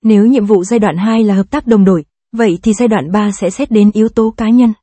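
A woman giving steady, scripted narration of a fantasy audiobook. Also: mid-range voice, fairly quick, husky, no room sound.

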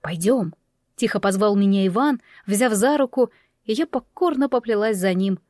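Woman, audiobook narrator, first-person fairy tale, expressive, dry close sound. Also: mid-range voice, moderate pace, no room sound.

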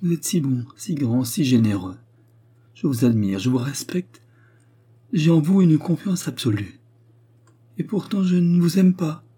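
Man putting on a tearful young woman, pleading, higher voice, husky warm tone. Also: lively intonation, unhurried, pauses often. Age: 20s.

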